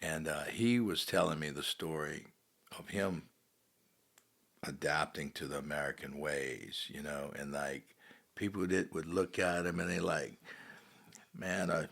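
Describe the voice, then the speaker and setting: A male podcast host with a deep voice and a gravelly rasp. He talks in a loose, conversational way, retells stories, and invites his guest to explain. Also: fairly even intonation, unhurried, fairly bright tone. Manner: conversational, asks guest to elaborate. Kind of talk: casual interview chat.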